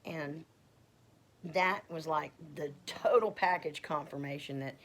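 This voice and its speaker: A woman's voice: low voice, measured pace, a bit bright. A middle-aged woman telling a personal faith story in a rambling, heartfelt way, often correcting herself. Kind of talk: casual personal testimony.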